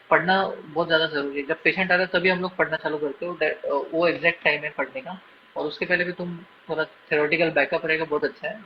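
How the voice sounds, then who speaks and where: A young man with a somewhat high voice answers interview questions as a guest doctor. He explains things steadily, slips English phrases into his speech and stops on fillers while he thinks. The recording is muffled and lo-fi, with a faint hiss underneath.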